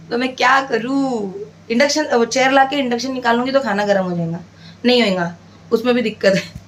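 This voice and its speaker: A woman's voice: fairly high pitch, a little hiss or hum. A young woman, chatting emotionally and directly to her viewers in a casual home vlog, filmed on a phone camera indoors. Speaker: vlogger.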